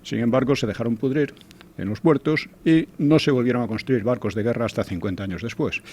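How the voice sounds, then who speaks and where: A man's voice: mid-range voice, a little fast, darkish tone, slight background noise. An older man giving conversational commentary as a regular guest, hesitant, with frequent restarts and tag questions.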